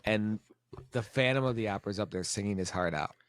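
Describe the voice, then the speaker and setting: A man co-hosting a casual podcast chat, teasing the others with quick jokey interjections. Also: lowish voice, fairly bright tone, no room sound. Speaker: podcast co-host.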